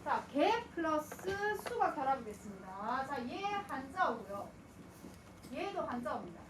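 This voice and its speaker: A woman lectures on grammar in a high, animated voice, firing questions at her students and then answering them herself. She sounds a little distant from the mic, in an echoey room. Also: a little slow, noisy background. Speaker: Korean grammar teacher.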